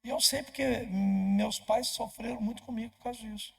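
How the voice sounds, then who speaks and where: Brazilian pastor, storytelling sermon, animated voicing of dialogue, raspy and very gravelly. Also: male voice, high-pitched, normal speed. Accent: Brazilian Portuguese. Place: church.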